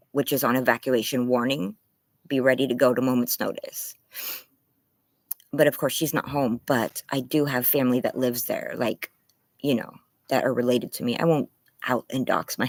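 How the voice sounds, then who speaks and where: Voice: medium pitch, dry recording. A livestreamer chatting casually and apologetically through a face mask, muffled, anxious, with a strained, tired throat. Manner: apologetic, rambling. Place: outdoors in a yard.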